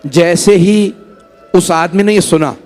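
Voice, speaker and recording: Brief: middle-aged man, Pakistani Urdu accent, high-pitched passionate mourning preacher who pleads with the crowd and cries out at the climaxes. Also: slow, darkish tone, long reverb tail, soft background music. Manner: urges the congregation directly, swells to cries at climaxes. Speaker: Shia cleric leading a Muharram majlis. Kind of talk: impassioned mourning sermon.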